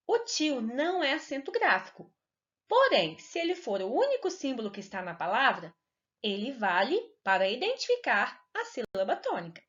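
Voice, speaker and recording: Woman teacher for kids' video lessons: bright sing-song delivery, deliberate syllable stretching, muffled low-fi sound. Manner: slow, clear and sing-song, stretching words to stress syllables. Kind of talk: recorded lesson for children. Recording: dull lo-fi recording.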